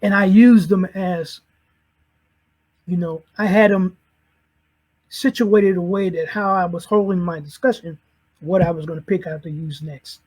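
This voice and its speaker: A man's voice: sits high, steady tone, a little slow, long pauses, a little mellow, poor audio. A middle-aged man from St. Louis, Missouri gives a personal conversion testimony. He is earnest and acts out whole conversations in quoted dialogue. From St. Louis, Missouri, USA. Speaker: convert telling his story.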